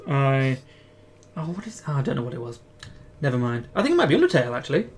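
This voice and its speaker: A man's voice: medium pitch, wildly swooping pitch, quick pace, slight background noise. A man co-hosting a casual gaming podcast, making wry joking asides. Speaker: podcast co-host. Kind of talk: casual chat.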